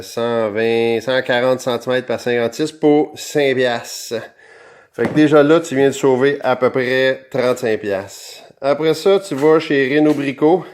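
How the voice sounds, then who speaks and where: Here a man hosts a do-it-yourself segment through an electronic voice changer, and his Québécois accent still comes through it. He talks at an even, middle pitch, in a loose, chatty way straight to his viewers. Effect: electronically altered voice. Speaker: DIY show host. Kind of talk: casual how-to explanation.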